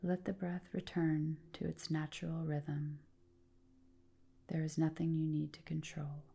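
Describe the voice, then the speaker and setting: Calm and soothing, this woman's low, mellow voice carries a creak and a breathy edge as she guides a yoga nidra rest practice. Her pacing is slow and deliberate, with pauses between phrases, much like scripted meditation narration.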